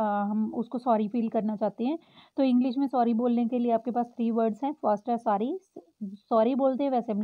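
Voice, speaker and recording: A woman with a fairly high voice teaches English to Hindi speakers. She explains patiently and reads example phrases out slowly. The sound is thin and tinny, like a phone line.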